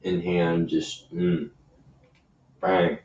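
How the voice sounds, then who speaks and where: A man's voice: low voice, flat delivery, very slow, darkish tone. A young man co-hosting a podcast in casual, slangy chat with plenty of swearing. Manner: laid-back, swears a lot, slangy. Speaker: podcast co-host. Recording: roomy, distant, dull lo-fi mic with faint hiss.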